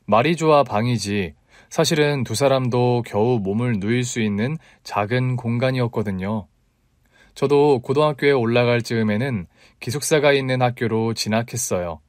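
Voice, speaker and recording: Brief: male narrator, mid pitch, soft storytelling, dry close mic. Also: normal speed, dry recording. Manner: gentle, even storytelling. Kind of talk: first-person story reading.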